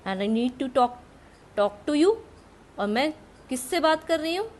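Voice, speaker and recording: A woman's voice: high voice, expressive, very fast, darkish tone. A woman teacher with an Indian English accent, explaining grammar to students in English and Hindi and repeating the key terms.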